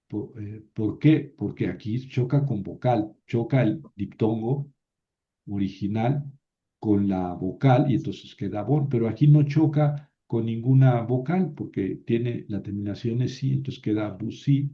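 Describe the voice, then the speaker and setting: Slow, patient teacher. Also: male voice, lowish voice. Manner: patient, halting explanation with many fillers and tag questions. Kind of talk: lecture on grammar. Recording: slightly dull, lo-fi sound.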